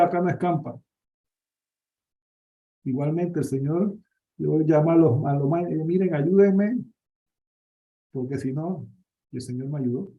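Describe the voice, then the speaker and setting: A priest from Panama, giving a personal faith testimony in a lively storytelling manner, with many restarts. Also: male voice, on the high side. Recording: dull lo-fi recording.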